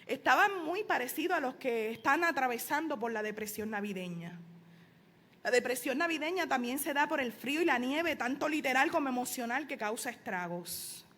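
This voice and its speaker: High-voiced woman preaching. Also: animated, normal speed. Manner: preaching with emphatic rises and soft asides. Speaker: pastor. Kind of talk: sermon.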